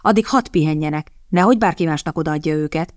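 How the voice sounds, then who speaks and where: Audiobook: a cheeky, sharp-tongued young valet, voiced by a woman narrator, dry sound. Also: low voice, no room sound, lightly acted. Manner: brisk and cheerful.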